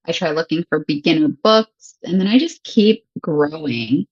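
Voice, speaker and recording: The guest, an English teacher in her thirties from Michigan, USA, keeps the conversation casual and laughs frequently. Her deep, husky voice is expressive, and she talks at a moderate pace. The sound is lo-fi, without echo.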